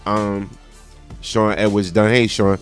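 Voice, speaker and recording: A man works as a morning radio DJ on a call-in show, with music playing faintly underneath. His talk is loose and informal, with repeated phrases and friendly shout-out patter, at an ordinary male pitch on the low side. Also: flat delivery, slow pace. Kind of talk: morning radio DJ chat, casual call-in hosting.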